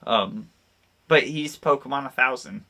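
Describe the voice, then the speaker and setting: A man co-hosting a gaming podcast in casual chat, animated and laughing often. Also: medium pitch, measured pace, vocal fry. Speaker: podcast co-host.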